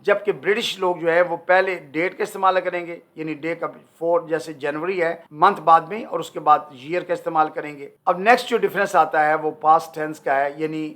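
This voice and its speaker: An older man teaching English in an Urdu lesson, slowly repeating each example word and phrase. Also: fairly high pitch, steady tone, a bit bright. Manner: slow, deliberate repetition of example words.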